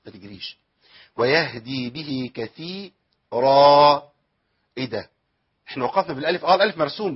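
Fast-talking Egyptian man teaching tajweed. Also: fairly high pitch, husky, highs cut off. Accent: Egyptian Arabic. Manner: asks questions and answers them himself, drawn-out recitation. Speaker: Quran recitation teacher. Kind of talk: tajweed lesson with recited examples.

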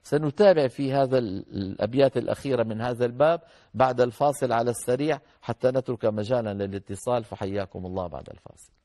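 Male recitation teacher, broadcast lesson with call-ins, mid-pitched, patient, slow drawn-out examples, chants poem verses. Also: warm tone. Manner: explains patiently, stretching example words out slowly.

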